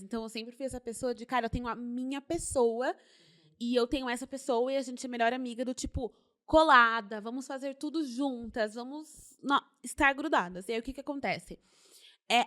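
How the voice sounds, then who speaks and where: Brief: young woman, podcast co-host, lively and laughing, higher pitch. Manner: animated, laughs often, repeats words for emphasis. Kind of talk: casual podcast chat.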